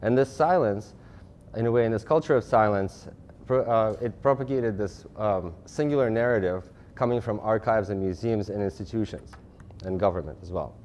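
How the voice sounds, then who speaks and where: A man in his thirties from Russia giving a lecture presentation, talking fast, with frequent restarts and fillers. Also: lowish voice, a little mellow, a little hiss or hum. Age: 30s. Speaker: guest speaker.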